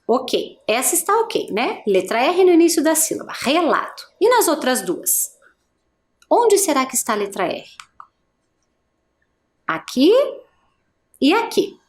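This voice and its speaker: A woman teacher with a Brazilian Portuguese accent giving an adult education video lesson, explaining slowly and patiently and asking the learner encouraging questions. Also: high-pitched, very animated. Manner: slow, patient, syllable-by-syllable explanation.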